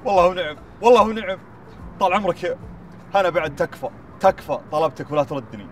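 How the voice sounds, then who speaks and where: A man playing a pleading, excitable Bedouin favour-seeker in sketch comedy, with a Gulf Bedouin Arabic accent. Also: high-pitched, quick pace, recorded from a distance, slight background noise.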